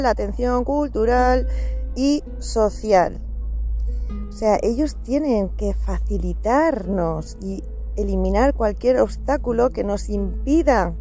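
Earnest woman explaining, mellow voice. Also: mid-range voice. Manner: earnest, many rhetorical "¿no?" tags. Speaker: channel host. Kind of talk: explanatory talk to camera.

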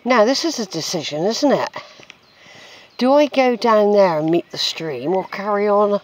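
This chatty vlogger walks outdoors on a woodland track, musing aloud in rambling, casual commentary. The medium-pitched voice is expressive and at normal speed. The handheld camera's built-in microphone picks up clear noise in this outdoor recording.

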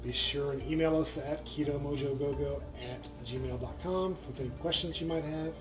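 A man's voice: on the high side, fairly even intonation, moderate pace, over music, low-quality recording. A man hosting a home cooking video, chatting casually with many fillers and restarts. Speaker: cooking channel host.

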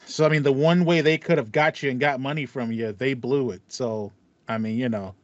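As a gaming podcast host, a man chats casually with sympathy and mock indignation. His medium-pitched voice is steady in tone and a little fast, and the recording is dry. He's indoors in a small acoustic-foam room, using a headset on a video call that sounds slightly dull and lo-fi.

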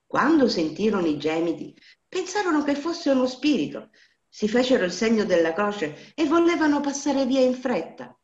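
Expressive woman telling a fairy tale. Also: a little high, normal speed. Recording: dull lo-fi roomy recording.

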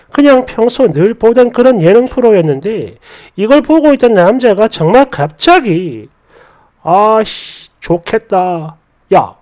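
A man narrating a written story in the first person and reading out comments, with an exasperated, animated delivery. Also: high-pitched.

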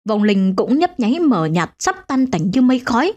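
A woman narrating a ghost story for a channel, with expressive storytelling. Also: moderate pace, muffled recording. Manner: expressive, swinging pitch.

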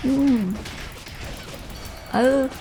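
A woman's voice: high voice, extremely slow, dark tone, faint music behind. A young woman streaming a game, chatting playfully and teasing her viewers and teammates. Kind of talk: live game streaming chat.

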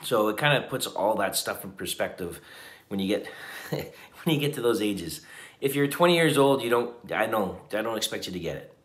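Speaking to a camera on a table at arm's length, a fifty-something vlogger sounds animated despite being tired from a long day. His voice is lowish and a bit bright, moving at a moderate pace, and the hotel room at night gives it reverb. He talks earnestly and reflectively, with lots of restarts.

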